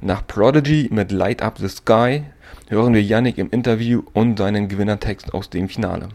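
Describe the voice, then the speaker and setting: A man's voice: fairly low pitch, moderate pace, a little mellow. A man hosting a radio show, announcing the next items in a scripted way. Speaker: radio host. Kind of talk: radio moderation.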